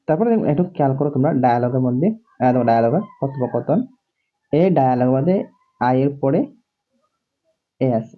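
A man's voice: mid-range voice, brisk, long pauses. A man teaching English reading in a video lesson, drilling words again and again and asking the viewer whether they see. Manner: repetitive, drills words over and over. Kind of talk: classroom-style video lesson. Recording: dull lo-fi recording.

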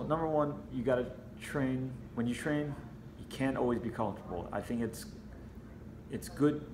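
A martial arts trainer talks casually in an interview, filling his conversational explanations with "you know." His voice sits on the low side. A camera a few feet away records him in an indoor, matted gym whose echoey room adds background noise and faint music.

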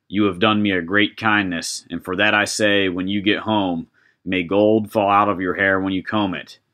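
A man voicing an eerie talking skull that speaks in slow, drawn-out commands. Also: low-pitched, steady tone, sharp tone.

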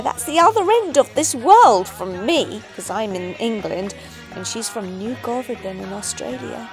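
Gushing high-voiced woman storyteller. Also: darkish tone. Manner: gushing, exclamatory. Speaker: children's storyteller. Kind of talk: narrating a children's story.

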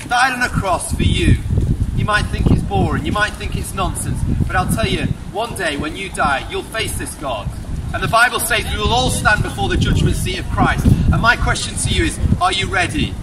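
On a pedestrian shopping street, a very high-voiced man in his thirties from the UK projects an open-air sermon, peppering passers-by with rhetorical questions. A far-off camera records him without a mic, so he sounds distant amid street noise and people walking by.

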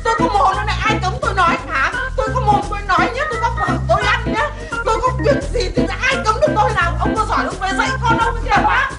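An actress playing a loud, scolding older wife in a stage comedy sketch. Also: female voice, extremely high pitch, animated, moderate pace. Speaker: comic actress. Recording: echoey stage with music and audience.

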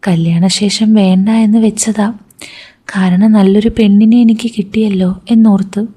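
A woman's voice: mid-range voice, steady tone, normal speed, warm tone, husky, close to an everyday voice. A woman voicing a smug, unfaithful young son-in-law who speaks cool and unapologetic. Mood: unashamed.

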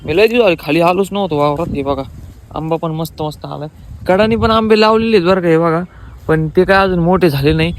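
A man's voice: on the high side, a little fast, slight background noise. Chatty young man vlogging outdoors. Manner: chatty, addresses viewers as friends. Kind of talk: casual vlog chat. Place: rural farmyard and fields, outdoors.

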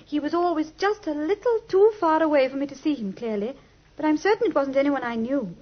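A young adult actress with a British English accent plays a genteel, earnest young lady client, speaking expressively in the style of 1950s radio drama. Her high voice is brisk and close to everyday speech, carrying an earnest, uneasy mood. The recording is muffled and lo-fi, like a 1950s radio broadcast.

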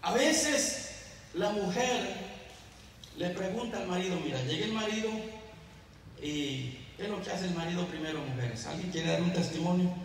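A man with a high voice teaches a Bible study to a congregation and tells stories to them. He asks the room questions as he goes. His voice rings with long reverb and sits far from the mic, with faint noise behind it. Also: moderate pace. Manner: storytelling, asking the congregation questions. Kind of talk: sermon. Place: church hall. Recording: echoey church hall, mic at a distance.

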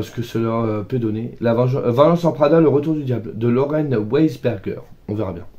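Casting: French book-vlogger guy, chatty and self-deprecating, mid-pitched ordinary voice. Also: a little mellow. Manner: chatty, self-mocking, talks to himself by name. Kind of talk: casual book haul chat.

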